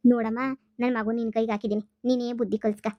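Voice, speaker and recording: A woman's voice: on the high side, level tone, quick pace, no room sound, highs cut off, natural voice. A woman voicing a stern, exasperated village mother-in-law in a cartoon comedy, speaking. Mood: scolding. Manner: sharp, scolding, exasperated.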